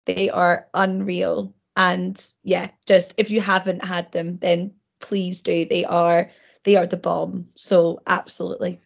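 A woman's voice: fairly low pitch, flat delivery, takes it slowly. A young woman on a football fan podcast, telling stories in giggly casual chat full of fillers. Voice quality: creaky. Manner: giggly, filler-heavy storytelling. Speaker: podcast panelist. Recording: dull lo-fi podcast audio.

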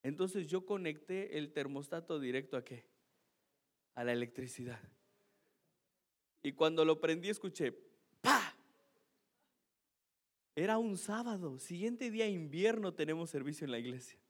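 In his sermon, a male pastor tells a funny, self-mocking story about himself in a chatty manner, repeatedly asking "¿no?" His voice is on the high side, animated, and moves at a moderate pace.

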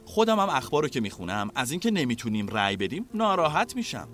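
A man voicing a homesick young man studying abroad, who talks in a flat, resigned way. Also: medium pitch, faint music behind. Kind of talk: storytelling.

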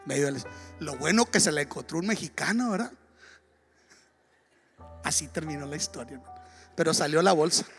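A pastor man from Ecuador preaching a sermon, telling a story with bursts of excited exclamation. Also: on the high side, moderate pace, vocal fry, long pauses, soft background music.

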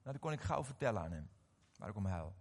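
A middle-aged man preaching a sermon, animated and often questioning his audience, repeating words as he restarts. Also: on the low side, quick pace, gravelly. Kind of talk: sermon to a live congregation.

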